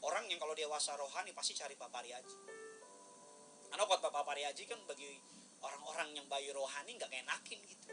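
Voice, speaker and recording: High, forceful male preacher. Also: poor audio. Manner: animated preaching, swings between loud outbursts and hushed asides; colloquial, slangy Indonesian preaching. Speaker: pastor. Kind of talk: midweek sermon.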